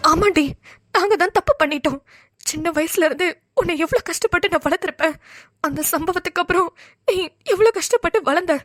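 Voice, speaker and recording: A woman's voice: very high voice, brisk, fairly bright tone, no echo, studio quality. A woman voicing a regretful mother in a cartoon, lamenting to her grown daughter. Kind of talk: cartoon voice acting.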